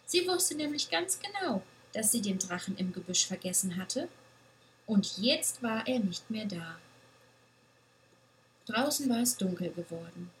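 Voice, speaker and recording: Lady reading a kids' story slow and gentle, kinda high voice, bit of soft hiss behind. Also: poor audio. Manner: gentle, expressive read-aloud.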